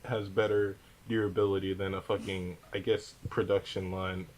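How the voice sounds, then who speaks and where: A man's voice: low-pitched, flat delivery, moderate pace, a little mellow, poor audio. A young man co-hosting a casual podcast movie discussion, exasperated, swearing and leaning on "like" as he retells scenes. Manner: exasperated, swearing, filler 'like'. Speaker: podcast co-host.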